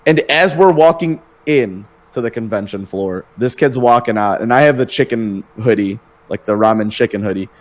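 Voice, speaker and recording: A man's voice: lowish voice, normal speed, hardly any pauses. Laid-back young man telling stories. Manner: laid-back, storytelling, swears casually. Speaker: podcast guest. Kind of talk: casual chat.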